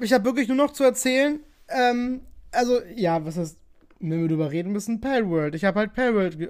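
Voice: mid-range voice, a little mellow. A podcast host and streamer in casual chat, rambling with many fillers and laughing often.

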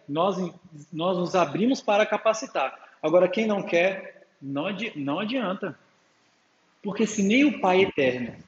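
A man preaching a sermon to a congregation, calling for amens and acting out talks with his little daughter. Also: high voice. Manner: calls out to the congregation with frequent amens; acts out dialogues with his daughter. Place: church hall with an audience. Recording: echoey hall, dull sound, faint hum.

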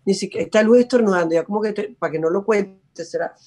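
An actress telling stories as a guest on a video call, chatty and quoting herself. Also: female voice, medium pitch, quick pace, dark tone. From Venezuela. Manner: chatty, tells stories, acts out her own quotes. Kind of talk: casual interview chat.

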